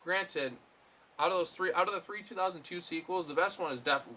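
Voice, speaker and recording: A man's voice: sits high, a little fast, sharp tone, a little hiss or hum. A man giving a casual, rambling film review, full of fillers and blunt swearing. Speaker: movie reviewer.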